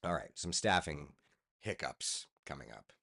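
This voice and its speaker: A man's voice: very deep voice, big pitch swings, measured pace, vocal fry, pushed and bright. A tired man, a TV weatherman, chatting casually on a live stream while walking through forecast maps. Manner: loose, chatty, talks to himself while working. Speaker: TV meteorologist hosting a live chat.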